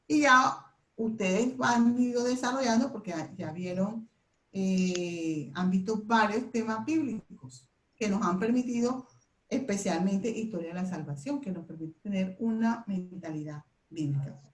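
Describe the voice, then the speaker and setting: A woman's voice: mid-range voice, unhurried, echoey room. A woman teaching a class, explaining step by step and leading a group recitation. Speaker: Bible memorization teacher. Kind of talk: classroom lesson.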